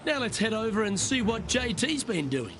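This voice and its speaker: A man's voice: sits high, sing-song, normal speed. A man playing a golf commentator in a video game, tracking players shot by shot. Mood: focused. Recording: crowd and clear background noise.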